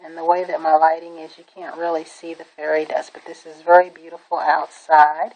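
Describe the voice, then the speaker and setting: A woman with a somewhat low-pitched voice walks through a nail stamping tutorial in a relaxed, chatty way. She talks while she works, often pausing on an "um" and gushing "really, really" about what she likes. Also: muffled recording. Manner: chatty and enthusiastic, with many "um"s and repeated "really, really". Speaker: nail art tutorial maker. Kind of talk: casual how-to demonstration.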